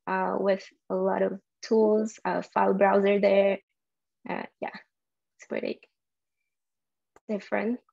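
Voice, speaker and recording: The speaker is a young Brazilian developer with a Brazilian Portuguese accent, filling her conference talk explanations with ums and uhs. Her mid-range voice is creaky and a little mellow, heard through a muffled recording.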